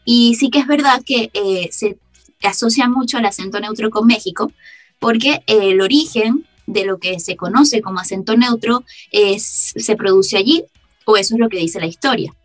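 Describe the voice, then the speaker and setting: A woman from Venezuela with a softened Caracas accent, a voice actress explaining her craft as a guest, laughing often as she talks. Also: medium pitch, normal speed, faint music behind. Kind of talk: casual interview talk.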